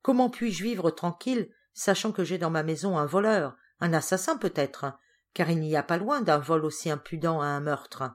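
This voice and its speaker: A woman's voice: fairly low pitch, animated, moderate pace. A woman voicing an agitated, indignant older uncle in an audiobook. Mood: angry. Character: angry stern older uncle, a man.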